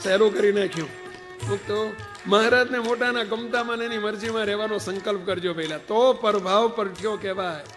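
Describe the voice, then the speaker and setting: Male preacher with a high voice, telling stories in a sermon and speaking straight to the audience, with long hall reverb. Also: fairly even intonation, brisk, fairly bright tone, faint music behind. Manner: narrates anecdotes and addresses listeners directly. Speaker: spiritual preacher. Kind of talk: storytelling sermon explaining a devotional hymn.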